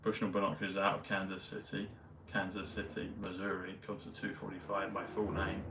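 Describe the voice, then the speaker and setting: A man vlogging in a meandering, hesitant casual monologue full of pauses and fillers. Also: low voice, completely flat delivery, bright, forceful tone, a little hiss or hum. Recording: roomy, mic at a distance, faint ambience.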